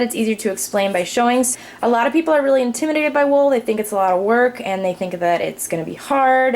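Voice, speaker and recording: A woman's voice: medium pitch, darkish tone, low-quality recording. A young woman, a parent, chatting casually through an unscripted how-to demonstration at her kitchen sink, explaining as she works with plenty of fillers. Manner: chatty, lots of fillers, explains while working. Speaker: parent showing cloth diapering care.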